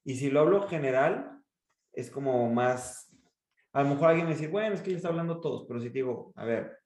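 Mexican coach in an echoey room. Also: male voice, brisk. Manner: expressive, demonstrates pitch and emphasis. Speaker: speaking coach. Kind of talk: coaching in a podcast interview.

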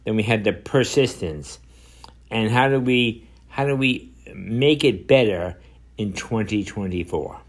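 An older man in his seventies talks alone into his podcast mic. His voice sits a little low, and he rambles through his points with frequent "uh"s and restarts. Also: a little slow. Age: 70s. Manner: rambling, many fillers and restarts. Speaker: podcast host. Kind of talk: solo podcast monologue.

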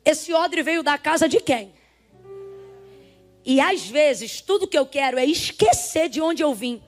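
A woman preaches with a very high, bright voice. She moves from hushed, drawn-out lines to ringing, fervent cries, calling out to the congregation. Soft music plays faintly underneath. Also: expressive. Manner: impassioned, swings from soft to shouting, addresses congregation. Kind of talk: sermon.

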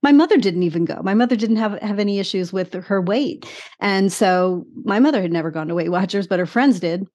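A woman's voice: medium pitch, fairly quick, a little mellow, muffled recording. A woman in her sixties giving candid personal testimony as an interview guest, telling her story emphatically with short repeated phrases. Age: 60s.

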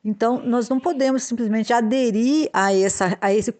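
Measured woman explaining labor law. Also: fairly high pitch, darkish tone. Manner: measured, with frequent hesitations and restarts. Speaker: podcast host, labor law advisor. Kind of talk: explanatory legal podcast talk.

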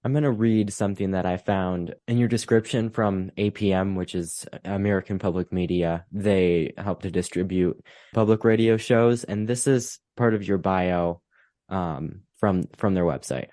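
A man with a low voice hosts an interview and asks his questions in an easygoing, curious way. His sound is dry and close, with almost no room around it. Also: normal speed, dark tone, no echo. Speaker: podcast host, interviewer.

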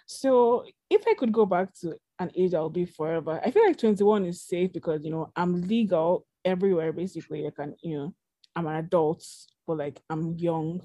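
Chatty young woman, warm dry voice. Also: on the low side, animated, normal speed, no room sound. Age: young adult. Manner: chatty, rambling, many fillers. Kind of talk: casual chat.

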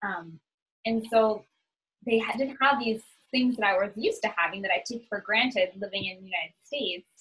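A woman's voice: medium pitch, moderate pace, fairly bright tone, low-quality recording. A woman in her twenties from New England, chatting casually as an interview guest and filling her speech with "like". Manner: chatty, uses "like" a lot, upbeat.

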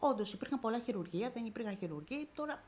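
A woman's voice: fairly high pitch, animated, a little mellow. A woman guest on a radio interview, vividly retelling her own story and acting out the dialogue in it. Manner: vivid retelling, acting out quoted dialogue with constant "I say, she says". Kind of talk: emotional personal storytelling on radio.

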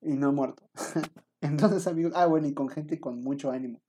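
A man's voice: on the high side, moderate pace, mellow, husky. A young man with a Mexican accent telling a rambling, self-mocking story to his viewers, full of fillers. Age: young adult. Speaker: vlogger.

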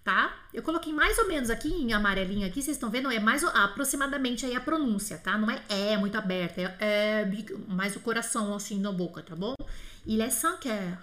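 A woman with a medium-pitched, sharp-toned voice teaches a French lesson live online. She patiently repeats phrases slowly so viewers can hear the pronunciation, and she answers their questions by name.

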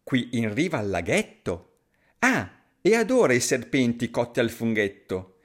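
A man voicing a clever, boastful little mouse in a storybook reading, quick and cheeky. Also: medium pitch, huge pitch swings, a bit bright, exaggerated voice.

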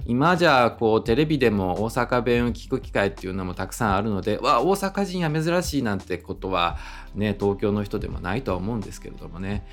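A man's voice: lowish voice, quick pace, faint music behind. A man with an Osaka accent hosting a casual solo podcast, chatting in a conversational way with lots of fillers. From Osaka, Japan. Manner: chatty, conversational, many fillers and tag particles. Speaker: podcast host.

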